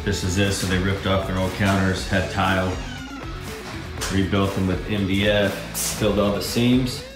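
A man's voice: low-pitched, flat delivery, moderate pace, music in the background. A man hosting a casual vlog, walking through a warehouse and chatting with coworkers in an upbeat, chatty way. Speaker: vlog host giving a warehouse tour. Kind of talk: casual walk-and-talk vlog. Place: large indoor warehouse. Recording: echoey warehouse room sound.

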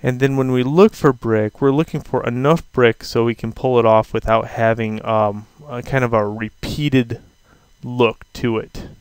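A man teaching a software tutorial over a screen recording, talking casually and thinking aloud with fillers. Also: mid-range voice, steady tone, measured pace, smooth, dry recording. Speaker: instructor.

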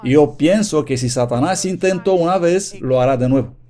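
An earnest male preacher reads a sermon from notes with steady conviction, in Spanish voice-over. His slightly high voice stays soft and mellow at a normal speed, and he gives quoted passages careful emphasis.

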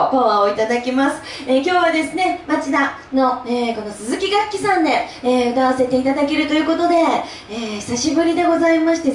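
A woman's voice: high-pitched, a little hiss or hum. A woman from Osaka, an enka singer chatting with her audience between songs, laughing often and using many fillers. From Osaka, Japan. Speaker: enka singer at a mini live event. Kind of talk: stage talk between songs. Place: music shop event space with audience. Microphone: handheld mic. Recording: echoey room, voice from a distance.

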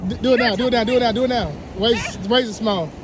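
A vlogger filming at the beach on a phone, talking casually and excitedly with slang and frequent laughter. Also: mid-range voice, quick pace, crowd noise. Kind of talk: casual vlog chat. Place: beach, standing in the surf. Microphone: handheld phone camera. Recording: wind and surf noise outdoors.

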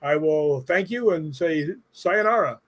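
A man's voice: fairly high pitch, animated, unhurried. An older man, a guest on a video call, telling joking stories with chuckles. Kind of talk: casual video-call interview.

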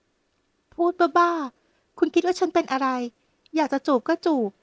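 A woman's voice: high-pitched, lively intonation, a bit bright, no room sound, clean studio sound. Woman voicing a fiery proud young beauty queen. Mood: indignant. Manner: indignant, scolding, quick to anger.

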